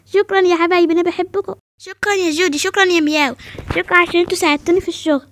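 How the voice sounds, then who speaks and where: A woman with an Egyptian Arabic accent voicing an eager, sensitive girl who runs a hair salon, in a voiced game role-play, talking in a quick, earnest, chatty way. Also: very high voice, steady tone, fairly bright tone, slight background noise. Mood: grateful.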